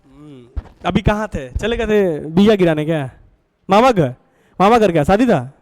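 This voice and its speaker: A man's voice: sits high, animated, moderate pace, a little mellow, no room sound, low-quality recording. A man teaching a chemistry class, coaxing students with questions and repeating their answers. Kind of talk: classroom lecture.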